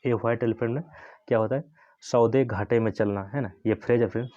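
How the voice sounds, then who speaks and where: A man teaching English in a lesson, explaining slowly and repeating phrases with frequent tag questions. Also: medium pitch, fairly even intonation, dark tone, lo-fi sound. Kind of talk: Hindi-language English lesson.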